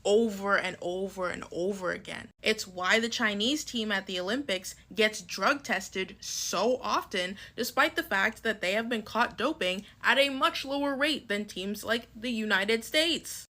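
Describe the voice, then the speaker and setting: Woman commentator, bright and forceful voice, exasperated and sarcastic. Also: mid-range voice. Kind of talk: social media commentary.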